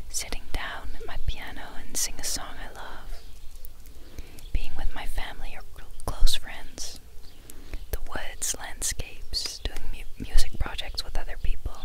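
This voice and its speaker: An ASMR host of unclear sex reading listener submissions in an unvoiced, breathy whisper, with a gentle, unhurried, soothing delivery. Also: poor audio.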